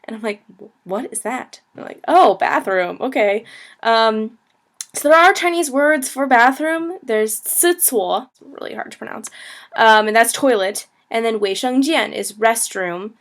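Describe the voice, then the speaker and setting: A young woman in her twenties teaches travel phrases in a relaxed, chatty way. Her voice sits a little high, and she laughs often and fills her sentences with ums and likes. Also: moderate pace. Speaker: language teacher and travel blogger. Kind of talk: casual video lesson.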